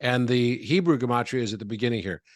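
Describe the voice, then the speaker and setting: Calm explaining man, dry close sound. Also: medium pitch, quick pace, dry recording. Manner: calm, explanatory, steps through examples. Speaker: interview guest. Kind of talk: explaining in an interview.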